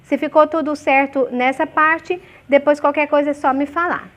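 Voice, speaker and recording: Teacher lady, high voice, slow and careful with the kids, keeps asking ok?. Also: fairly even intonation, a bit bright. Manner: slow, clearly syllabified examples with frequent checking questions. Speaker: primary school teacher. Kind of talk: remote lesson for young children.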